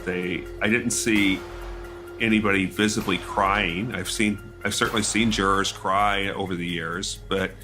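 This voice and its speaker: A man reporting from a courtroom trial, answering questions in a hesitant, halting way with many restarts. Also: deep voice, fairly even intonation, sharp tone, soft background music. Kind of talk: interview answers.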